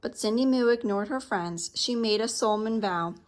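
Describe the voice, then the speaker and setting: A woman with a slightly high voice reads a picture book aloud to children at a moderate pace, using an expressive storytelling style.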